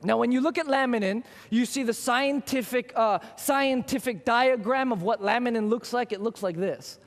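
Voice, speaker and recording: A man's voice: very high-pitched, moderate pace, big-room sound. A male pastor preaching a sermon in a church, emphatic, repeating phrases and asking rhetorical questions. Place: church sanctuary.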